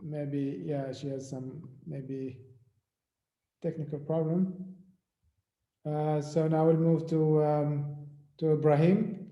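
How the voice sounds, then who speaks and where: A man's voice: fairly high pitch, level tone, warm tone, echoey room, highs cut off. A man hosting an online meeting, calling on participants one by one and hesitating with fillers. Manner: halting, with many fillers. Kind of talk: introducing participants in casual chat. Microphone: video call.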